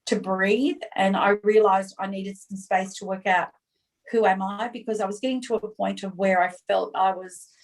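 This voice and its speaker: A woman's voice: medium pitch, fairly even intonation, normal speed, low-quality recording. A middle-aged woman, an interview guest telling her story candidly and acting out her own past dialogue.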